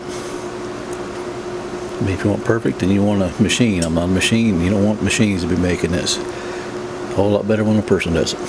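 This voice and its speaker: A man with a fairly low voice talks through a home recipe in a casual, folksy way. He is plain-spoken, and a clear, steady hum of background noise runs under his words in the kitchen. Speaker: home cooking vlogger. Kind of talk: casual narrated cooking demonstration.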